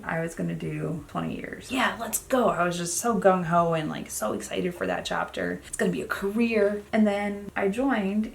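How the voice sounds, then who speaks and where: A woman's voice: fairly low pitch, vocal fry. A woman in her thirties chatting candidly in a get-ready-with-me vlog, reflective and rambling with many asides. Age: 30s. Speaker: beauty vlogger.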